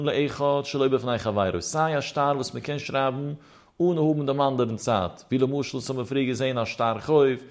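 A man teaching a religious text, reading short phrases and then explaining them with a chanting, rising-and-falling lilt. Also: medium pitch. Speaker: Talmud teacher.

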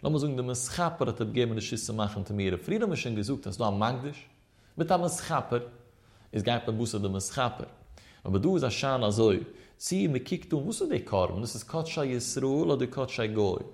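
A man's voice: mid-range voice, expressive, fairly quick, darkish tone. A man teaching a Talmud lesson in a sing-song study chant, asking questions and answering them himself as he explains step by step. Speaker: religious teacher.

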